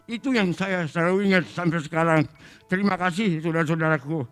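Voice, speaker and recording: A man's voice: on the high side, brisk, clear, resonant tone, soft background music. Middle-aged man giving emotional church testimony. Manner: emotional, plain-spoken storytelling. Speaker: congregation member giving testimony.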